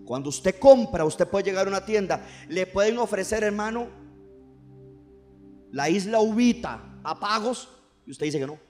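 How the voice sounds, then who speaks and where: A man preaches in church with a fervent, rising-and-falling delivery and calls on the congregation to answer him aloud. His voice sits a little high for a man. Faint music plays under the live church sound. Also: lively intonation, normal speed. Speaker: pastor. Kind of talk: sermon.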